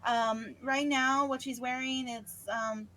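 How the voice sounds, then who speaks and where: A woman's voice: high-pitched, steady tone, slow, pushed and bright, poor audio. A woman playing a tabletop game for the first time, describing her character in hesitant casual chat. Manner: hesitant, unsure phrasing.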